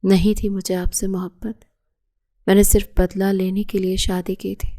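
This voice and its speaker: A proud young wife wrestles with guilt, voiced by a woman reading the novel. The voice is mellow, with a flat, even pitch. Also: lightly acted. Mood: defiant.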